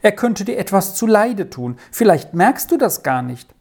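A woman voicing a gentle, easily frightened young girl in a children's story, pleading anxiously. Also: medium pitch, very animated, moderate pace, slightly rough, pitched above the performer's own voice.

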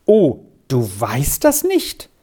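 A narrator voicing an eager, talkative little girl who plays the piano, with a raised, lively voice. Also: medium pitch, slightly rough, full character voice. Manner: bright, talkative, quick to explain. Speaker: child musician.

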